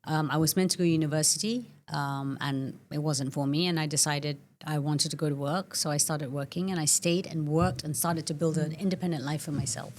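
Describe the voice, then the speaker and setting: Middle-aged woman guest from Malaysia, low-pitched, reflective and storytelling. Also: fairly even intonation, fairly quick, hardly any pauses, a little hiss or hum. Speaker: guest, nervous system coach. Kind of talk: casual interview conversation.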